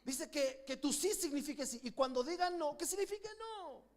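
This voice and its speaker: A middle-aged Chilean pastor with a very high-pitched, expressive voice preaches passionately at a moderate pace in a church sanctuary. He calls on his congregation to repeat his words after him.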